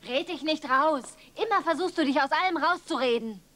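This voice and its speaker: A sharp-tongued young wife in a dubbed film, scolding and biting. Her voice sits high and carries a nagging edge. She fires off reproaches one after another. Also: fairly quick.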